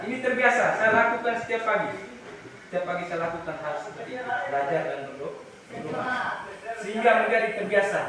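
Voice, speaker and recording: A man teaching a class of pupils, asking questions and repeating himself with many restarts and "ya" tags. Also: high-pitched. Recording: echoey, from far off, noisy.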